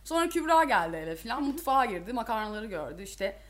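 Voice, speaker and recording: A woman's voice: a little high, big pitch swings, quick pace. A young woman co-hosting a podcast, telling stories with frequent laughter and defending herself in casual chat. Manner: laughing, self-defending storyteller. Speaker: podcast co-host.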